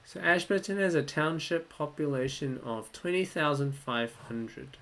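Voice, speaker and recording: A young man from Malaysia, hosting a casual livestream Q&A at his desk, relaxed and chatty, often laughing and thinking aloud. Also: on the high side, measured pace. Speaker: livestream host answering viewer questions. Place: small room indoors.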